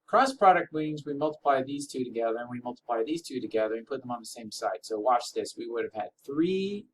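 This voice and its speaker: A male math teacher talks through an algebra lesson at a whiteboard, wisecracking and poking fun at himself. He slows right down to stretch out key terms, in a mid-range voice. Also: mid-range voice, expressive, a little hiss or hum. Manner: jokey, self-deprecating, drags out key words. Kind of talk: recorded classroom lesson. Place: room with a whiteboard.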